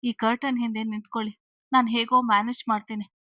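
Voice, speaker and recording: A flustered young woman stammers and hurries through excuses, as a woman reads her part. The voice is high and bright, with a close, dry sound. It comes from an audio storybook. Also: level tone, brisk, no room sound. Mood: anxious.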